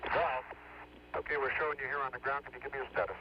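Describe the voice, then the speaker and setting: A man's voice comes through a space-to-ground radio transmission, clipped and procedural as an astronaut or flight controller. The sound is muffled and lo-fi. A steady hiss sits under every word. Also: mid-range voice, very fast. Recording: muffled noisy 1960s radio link.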